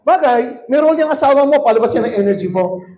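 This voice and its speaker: A male pastor preaching a sermon in a church hall, shouting and calling on the crowd to answer back. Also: very high-pitched, lively intonation, quick pace. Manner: shouting, rousing, calls for crowd response. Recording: dull lo-fi recording.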